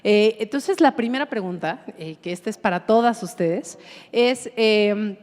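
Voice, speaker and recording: A woman's voice: medium pitch, unhurried, darkish tone. A middle-aged woman with a Mexican accent moderating a live panel, enthusiastic and chatty with frequent fillers. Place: large hall on stage. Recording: long reverb of a large hall.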